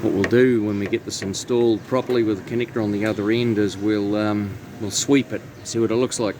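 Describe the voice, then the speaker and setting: A man with a steady, low-leaning voice speaks a little fast in a New Zealand accent. He's narrating his own repair video as a radio technician, casually and practically showing the work in and around a truck cab, with background noise and vehicle ambience coming through clearly.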